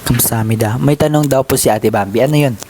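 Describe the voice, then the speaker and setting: A man's voice: medium pitch, fast talker. A man chatting casually on a livestream, playful and teasing as he talks straight to his viewers and reads their comments. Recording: steady background noise with clicks.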